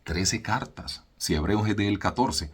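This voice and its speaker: A man with a Colombian accent giving a casual sermon teaching as a church leader, colloquial and laid-back, slowing down to stress his points. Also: lowish voice, slight background noise. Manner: laid-back, colloquial, mimics voices, slows for emphasis.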